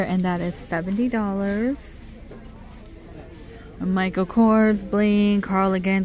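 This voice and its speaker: A middle-aged woman with a medium-pitched, slightly mellow voice records a casual shop-with-me vlog on a handheld phone camera. As she looks around the department store, she reads out the names and prices of products.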